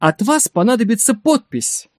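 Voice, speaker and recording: A brisk, smooth-talking biographer with a confident, persuasive edge, as a male reader puts him on. His voice sits fairly high and swoops lively up and down. The recording is close and dry. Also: dry recording. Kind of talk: audiobook character reading.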